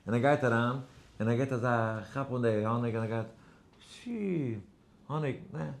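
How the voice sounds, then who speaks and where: A man's voice: mid-range voice, steady tone, fast talker. A man giving a Torah class, telling a parable in a rambling way with many fillers and English words mixed in. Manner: chants verses in a sing-song. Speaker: rabbi giving a daily class. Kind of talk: Torah lecture in story form.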